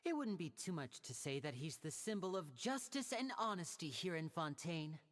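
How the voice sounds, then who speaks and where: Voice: mid-range voice, very animated, moderate pace, lightly acted. A voice actor playing a theatrical young male stage magician in a video game, a showy and welcoming showman. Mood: gracious showman. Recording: game audio with faint hiss and long reverb.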